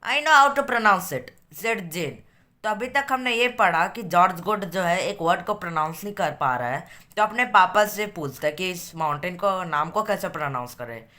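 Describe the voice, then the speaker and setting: A woman's voice: lowish voice, expressive, a little fast, sharp tone. A woman teacher reading aloud and explaining a class lesson in a patient, explanatory way.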